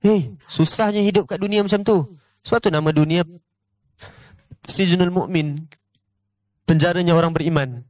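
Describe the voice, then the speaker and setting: A male religious teacher with a Malaysian Malay accent gives an online lesson on a classical text, reading passages and then explaining them conversationally. His voice is high and his pace normal, with long pauses and no room sound. He's lively, sprinkling his talk with rhetorical "ha?" checks.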